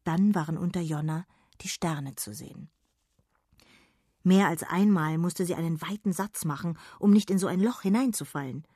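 A woman narrating a children's story in a gentle, measured way. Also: deep voice, slightly rough, dry recording, studio quality. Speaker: audiobook narrator.

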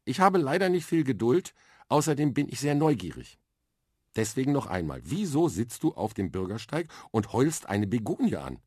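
A man's voice: mid-range voice, big pitch swings, normal speed, husky, dry recording, clean studio sound, pitched above the performer's own voice. A man voicing a bold, impatient and chatty young girl in a children's radio story, cheeky and self-assured.

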